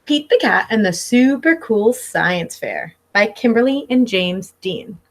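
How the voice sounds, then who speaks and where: This read-aloud comes from a woman in her thirties, an elementary teacher sharing a picture book with young listeners from her living room. She speaks a little slowly at medium pitch with wide pitch swings, expressively and instructively, over slight background noise.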